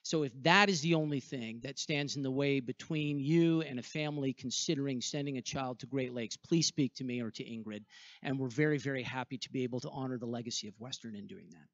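A man's voice: mid-range voice, fairly quick, no echo. A middle-aged man, a school representative, making an earnest, grateful fundraising appeal to a church congregation on a handheld microphone. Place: church sanctuary in front of a choir. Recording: dull, dry sound.

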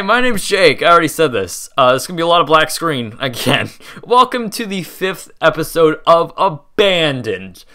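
A man's voice: a little high, bright, forceful tone, clean tone. A young man hosting a casual history video, chatty and rambling, laughing and tripping over words. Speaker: host.

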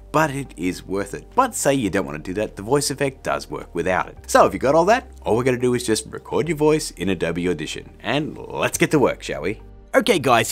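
A man hosts a casual software tutorial, upbeat and playful, tossing in joking asides. His pitch leaps around with great animation, and soft music sits faintly underneath.

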